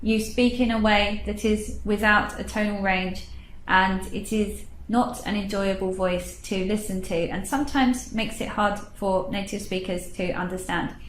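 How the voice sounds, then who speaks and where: A woman teaching English speaking, explaining tone slowly and deliberately. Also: mid-range voice, fairly even intonation, echoey room, slight background noise. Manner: slow, deliberate teaching voice with exaggerated tone demos. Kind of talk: instructional explanation.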